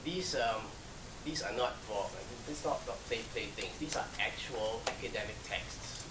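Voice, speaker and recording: A man with a Singaporean accent giving an academic lecture in a halting way, restarting phrases and often checking in with the audience. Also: fairly low pitch, noisy background. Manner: halting, with repeated starts and frequent check-in "right?".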